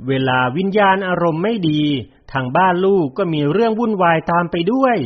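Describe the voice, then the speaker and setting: A man reading a memoir aloud in a measured storytelling way. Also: high-pitched, lively intonation. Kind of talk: audiobook narration of a memoir. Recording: dull lo-fi recording.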